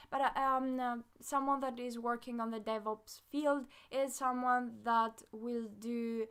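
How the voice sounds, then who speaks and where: A woman's voice: a little high, a bit bright. A young woman from Greece hosting a casual live-stream Q&A on coding, chatting with lots of fillers and reading viewer comments aloud. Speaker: live Q&A host, front-end developer.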